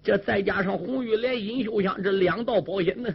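A man's voice: sits high, brisk, creaky, slightly rough, exaggerated voice. A man voicing a flustered young general. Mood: flustered, indignant. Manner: sung-spoken storytelling delivery. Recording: lo-fi with loud drum and string accompaniment.

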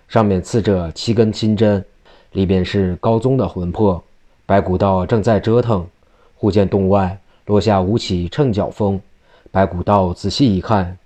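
A man narrates a traditional tale in a steady, vivid way. His voice sits low and sounds dark and mellow. He tells the story in the manner of a traditional storyteller.

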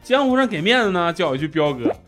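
A man plays a small-time village big shot in a comedy sketch, boastful and wheedling by turns. His voice is high and swoops widely as he rattles on at speed about his status. Music plays behind him. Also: big pitch swings, quick pace. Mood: pleading. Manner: boastful, wheedling, colloquial patter. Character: blustering, face-obsessed small-time village tough guy. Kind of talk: comedy radio sketch acting. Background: background music.

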